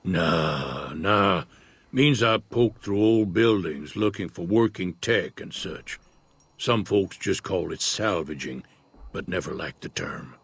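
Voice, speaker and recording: An aging prospector from a video game, laid-back but wary. His voice sits very low and husky, with a folksy drawl. It is recorded close and dry. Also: expressive, takes it slowly, dry recording, heavily acted. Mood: easygoing. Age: older. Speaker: retired prospector in a frontier town.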